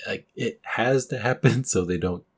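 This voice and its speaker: A man co-hosting a casual movie podcast, thoughtful, breaking into loud emphatic bursts now and then. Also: medium pitch, normal speed, breathy edge. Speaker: podcast co-host.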